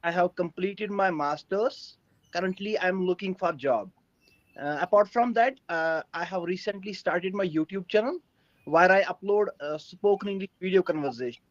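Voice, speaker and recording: A man's voice: sits high, no echo, lo-fi sound. A young man from Kashmir with a Kashmiri Indian accent, speaking hesitantly in an English practice conversation. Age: young adult. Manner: hesitant, halting. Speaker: English learner.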